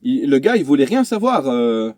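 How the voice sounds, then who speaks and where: A man's voice: mid-range voice, sing-song, normal speed, darkish tone, no room sound. A man vlogging from his truck cab, chatting through a road story with many fillers and restarts. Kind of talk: casual vlog storytelling.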